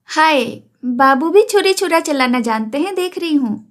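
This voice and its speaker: A woman's voice: animated, measured pace. Woman voicing Bijli, a mocking young woman. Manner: mocking, lilting, raised pitch. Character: sharp-tongued young woman, teasing then pleading.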